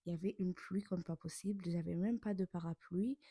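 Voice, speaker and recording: A woman's voice: lowish voice, fairly even intonation, brisk, dark tone, breathy edge. A young woman from Burundi narrating a vlog in voice-over, candid and self-mocking with loose slang. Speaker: vlogger.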